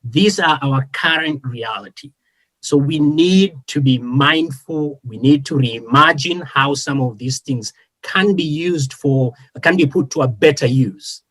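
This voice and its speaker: A man's voice: mid-range voice, a little slow, a bit bright. Earnest Kenyan-raised male panelist. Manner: earnest, frequent fillers and restarts. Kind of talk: online panel discussion.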